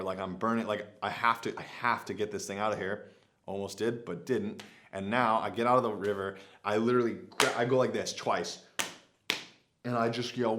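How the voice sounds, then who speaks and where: A young man vlogging, telling a story casually to camera with lots of filler words and acted-out quotes. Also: lowish voice. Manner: animated, many "like" fillers, acts out his own past lines. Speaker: adventure vlogger.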